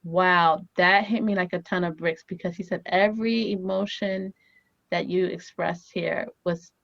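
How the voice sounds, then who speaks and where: A creaky, fairly low voice comes through a muffled recording with no echo, speaking a little slowly. It belongs to a thirtysomething family therapist whose first language is Haitian Creole, animatedly recounting stories in an interview with many "you know" fillers.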